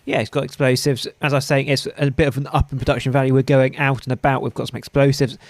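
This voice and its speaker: A man hosting a podcast, talking about an old episode in a dry, wry way with some halting restarts. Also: medium pitch, little pitch movement, dry recording. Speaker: podcast host. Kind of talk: casual review chat.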